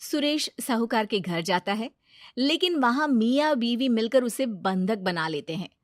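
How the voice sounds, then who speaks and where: A woman's voice: fairly high pitch, lively intonation, unhurried, no echo, clean studio sound. A woman narrating a scripted moral story as the storyteller.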